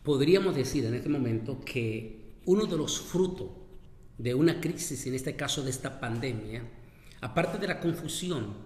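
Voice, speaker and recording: Measured male talk-show host. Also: mid-range voice, reverberant, in a large hall. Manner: measured, hesitant, self-correcting.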